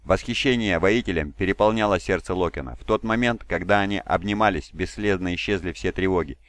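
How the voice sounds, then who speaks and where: Low-voiced man reading an audiobook. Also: brisk, fairly bright tone, dry recording. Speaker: audiobook reader. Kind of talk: audiobook narration. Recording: dry home recording.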